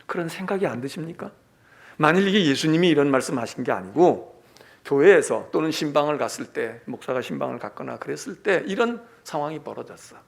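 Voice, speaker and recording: A middle-aged man preaching a Sunday sermon as senior pastor, swinging between hushed whispers and raised, emphatic calls, and acting out quoted lines. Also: fairly high pitch, lively intonation, a little fast, gravelly. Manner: acts out quoted lines in character.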